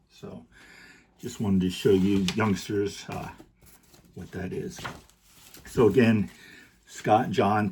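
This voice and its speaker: A middle-aged man vlogging about collectibles, relaxed and joking, sometimes talking while chewing candy. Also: fairly low pitch, slight background noise. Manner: relaxed, joking, rambling with fillers. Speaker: card collecting YouTuber. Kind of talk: casual vlog, showing gifts to camera.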